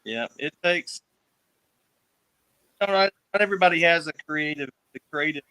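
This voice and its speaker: A man's voice: a little high, normal speed, sharp tone, clear, resonant tone, no room sound, rough recording. A man, a guest on a live call, talking in a laid-back, reflective way while his call audio glitches and cuts out. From Georgia, USA. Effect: glitchy, cutting-out call audio. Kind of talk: casual chat on a live call. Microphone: remote call connection.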